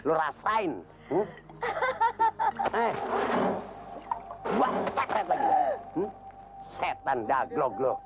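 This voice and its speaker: A man's voice: on the high side, very animated, drawn-out words, vocal fry, pauses often, over loud music, exaggerated voice. An actor with a Jakarta Betawi accent playing a blustering, comic middle-aged foreman who acts as exorcist in a horror-comedy film. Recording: noisy, muffled old film soundtrack.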